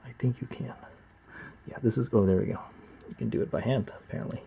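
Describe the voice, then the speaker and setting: A man talking casually and plainly like a gruff home mechanic while working at his bench, with slangy, unpolished asides. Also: mid-range voice, lively intonation, fast talker, dark tone. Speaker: amateur motorcycle mechanic, vlog host. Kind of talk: casual hands-on workshop narration. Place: workbench, close to the camera. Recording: slightly dull, lo-fi camera audio.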